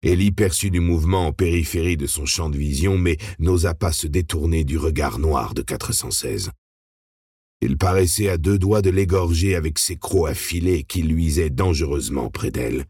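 A male audiobook narrator with an extremely deep, husky voice reads in a steady, dramatic way. The recording is dry and close-miked, with no room sound. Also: normal speed, no room sound. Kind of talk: scripted narration.

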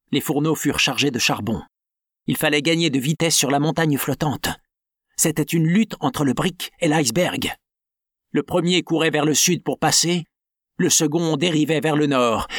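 Male audiobook narrator, dramatic and steady, slightly high voice, dry close sound. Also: moderate pace, husky, no echo. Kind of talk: scripted narration of an adventure novel.

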